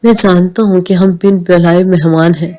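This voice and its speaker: A woman's voice: fairly low pitch, steady tone, warm tone, close to an everyday voice. Woman voicing an earnest fourteen-year-old boy. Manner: earnest, grown-up. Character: fourteen-year-old boy, mature beyond his years.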